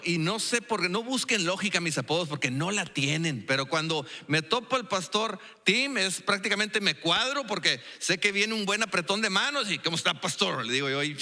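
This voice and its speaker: A man with a Mexican accent delivers a sermon in a playful, storytelling way with jokey asides. His voice sits high and rings very bright. The sound carries a long echo from a church hall. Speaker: preacher. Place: church sanctuary.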